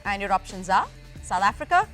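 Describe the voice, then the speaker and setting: A woman's voice: medium pitch, sing-song, fairly quick, fairly bright tone. A woman presenting a quiz show in an upbeat hosting style. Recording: music under the voice.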